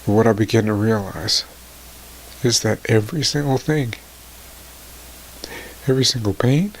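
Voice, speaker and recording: A man in his forties speaking emotionally to his viewers, halting and tearful, his voice sometimes sinking to a near whisper. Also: on the low side, creaky, a little hiss or hum. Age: 40s. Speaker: motivational vlogger. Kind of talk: emotional personal talk to camera.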